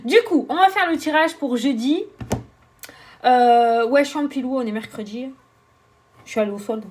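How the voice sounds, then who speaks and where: A woman from southern France, a tarot reader, chats to camera in a casual vlog, speaking in a high voice at a moderate pace. She is animated, swearing, laughing, and poking fun at herself.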